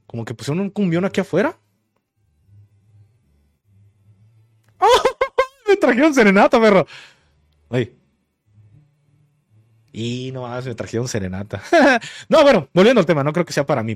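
Lively high-voiced Mexican storyteller. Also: male voice, no echo, studio quality. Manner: animated, slangy, laughs often. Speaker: podcast host. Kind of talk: casual storytelling.

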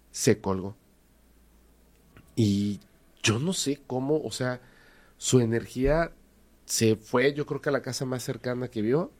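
Mexican man, casual animated storyteller, hesitant, repeats himself for emphasis. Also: medium pitch. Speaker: guest telling a story.

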